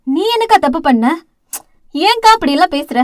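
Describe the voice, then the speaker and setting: Woman reader as an anxious younger sister, pleading and soothing, high voice, dry close recording. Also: big pitch swings, moderate pace, dry recording. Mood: worried. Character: frightened young woman, caring younger sister, college student.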